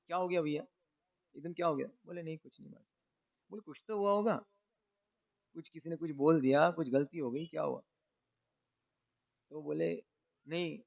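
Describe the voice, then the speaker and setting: A man with a high voice delivers a sermon. He puts questions to his listeners, answers them himself, and tells little stories with the dialogue acted out. His voice shifts between soft and loud. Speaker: preacher. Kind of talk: monsoon-season sermon.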